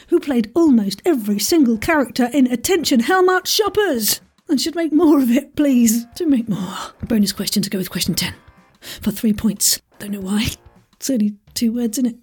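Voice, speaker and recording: A woman hosts a podcast quiz in a playful, chatty manner, dropping self-deprecating asides. Her voice is high-pitched, husky and a little mellow.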